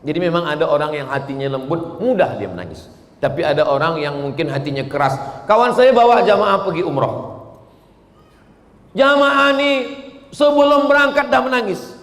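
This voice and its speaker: A man in his forties preaching a sermon in a lively storytelling way with touches of humor. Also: fairly high pitch. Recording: echoey hall with long reverb.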